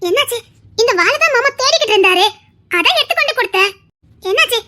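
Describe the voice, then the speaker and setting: Brief: woman voicing a spirited young wife, very high and bright-pitched, teasing and defiant, audio drama. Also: expressive, slight background noise, heavily acted. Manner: quick, teasing and emotional. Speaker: voice actor in an audio serial. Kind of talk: Tamil audio drama acting.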